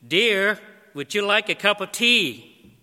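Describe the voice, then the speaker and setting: A loud older husband keeps calling out the same question to his wife, as a preacher acts him out. The voice is raised and bright and rings with a long hall reverb. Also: sits high, expressive, takes it slowly, voice pushed up, exaggerated voice. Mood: insistent.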